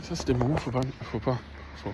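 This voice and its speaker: Filmed on a handheld phone, this twenty-something man talks briskly at a medium pitch against a noisy background. Exasperated, he rants with crude swearing through a casual vlog shot first in his car on the road and then outside as he walks.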